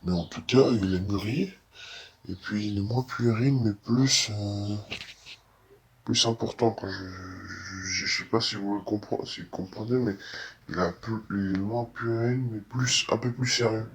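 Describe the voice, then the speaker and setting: A young man of eighteen talks through a disguised, altered voice that sounds very deep. The tone is slightly husky, and he circles back over his own sentences with many false starts as he gives a casual opinion. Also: fairly even intonation, a little slow, rough recording. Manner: rambling, with many restarts and repeats. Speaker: YouTuber.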